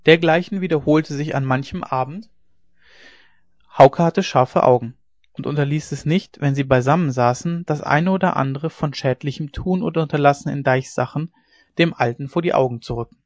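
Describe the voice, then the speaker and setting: A man narrating a classic novella in a measured, even storytelling manner. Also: a little high, no room sound, highs cut off. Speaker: audiobook narrator.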